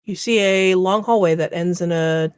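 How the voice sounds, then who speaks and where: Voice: mid-range voice, steady tone, moderate pace, clear, resonant tone, dry recording, clean studio sound. A game master narrating a tabletop roleplaying game in a casual, sweary way, sex not obvious from the voice. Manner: casual, profane.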